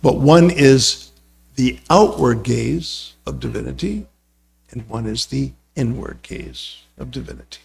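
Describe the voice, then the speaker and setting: An American guest speaker who is a religious teacher and university lecturer gives an informal, conversational talk, telling anecdotes full of asides. His medium-pitched voice is creaky and darkish, and he speaks at a measured pace.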